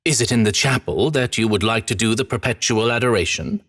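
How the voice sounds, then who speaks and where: A man doing an eager, bright-voiced priest. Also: on the low side, a little fast. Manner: eager, exclaiming, encouraging. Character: middle-aged priest-astronomer, eager and earnest.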